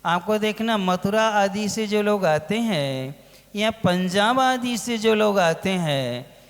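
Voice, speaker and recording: A man giving a religious lecture as a monk, asking his listeners questions and answering them himself, drawing out key words slowly. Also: high-pitched, animated. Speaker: Jain monk teaching a scripture class. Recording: long hall reverb.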